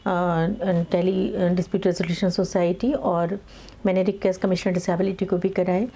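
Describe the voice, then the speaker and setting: Middle-aged woman lawyer talking slow n steady, lots of uhs, pretty flat tone. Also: on the low side, vocal fry, slight background noise. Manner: measured, many filler pauses, mixes English legal terms into Hindi. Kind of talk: explaining in conversational interview.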